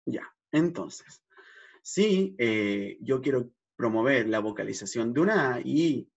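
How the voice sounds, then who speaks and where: Gravelly man explaining slowly. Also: mid-range voice, animated. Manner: hyperarticulated, frequent "¿ya?" checks, demonstrates vowel sounds expressively. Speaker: speech therapist. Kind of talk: educational explanation. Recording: dull lo-fi recording.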